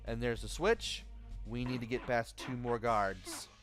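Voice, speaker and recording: Tired male let's play host, low-key commentary with faint game music under it. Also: steady tone, unhurried, a bit bright. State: tired, late at night. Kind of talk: gameplay commentary.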